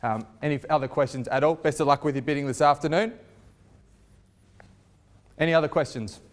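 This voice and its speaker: Casting: Australian man, novice auctioneer, declamatory and formal, with a clean, slightly high voice. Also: a little fast. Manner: declamatory auctioneer projection to a gathered crowd. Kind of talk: auctioneer address, formal property pitch and bid calling.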